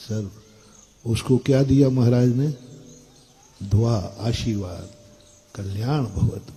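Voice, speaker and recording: A man's voice: medium pitch, dark tone, breathy edge, rough recording. An older man preaching a sermon to an audience, blunt and scolding, asking his listeners questions. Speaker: Jain monk preacher.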